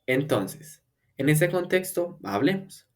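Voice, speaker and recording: A man teaching a beginner language lesson, patiently explaining step by step with repeated examples and slowing down to model words. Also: on the high side, big pitch swings. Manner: slows down to model English words for repetition. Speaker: English teacher.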